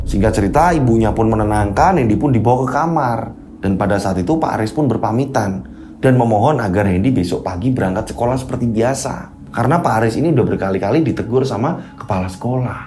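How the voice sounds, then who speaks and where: A man narrates a spooky story casually, his delivery lively and dramatic. He punctuates the telling with shouted sound-effect cries. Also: mid-range voice.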